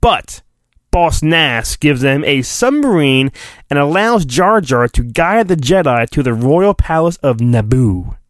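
On his solo podcast, a man whose voice runs on the high side and stays animated gives a children's storybook the mock-dramatic treatment. Sound is clean studio audio with no echo. His manner is theatrical, with drawn-out emphasis and flippant asides.

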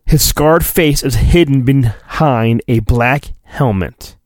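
This male podcast host speaks in a mid-range voice as he gives a mock-dramatic storybook reading, lingering over phrases and wandering into goofy asides. It's a studio-quality recording with no echo.

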